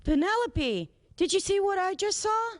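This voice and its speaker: A woman's voice: extremely high pitch, very animated, normal speed, noisy background. A woman as a nosy chatty cow. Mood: curious. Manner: wide-eyed and curious.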